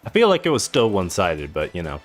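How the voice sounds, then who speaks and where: Low-voiced man casually narrating gameplay. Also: fast talker, soft background music. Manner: relaxed, rambling, self-deprecating. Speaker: streamer.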